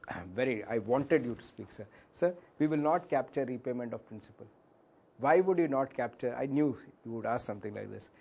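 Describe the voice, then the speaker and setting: His voice is medium-pitched, gravelly and darkish with a breathy edge, and he talks briskly with lively intonation. An Indian English speaker teaching a valuation workshop, he sometimes cracks, calls people sir, and mixes in Hindi during a classroom lecture with questions from the audience.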